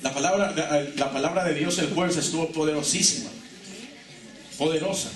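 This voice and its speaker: High-voiced fervent male pastor preaching. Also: normal speed. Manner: fervent, leads call-and-response declarations. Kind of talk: sermon. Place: church hall. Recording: echoey church from a distant mic. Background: congregation responding.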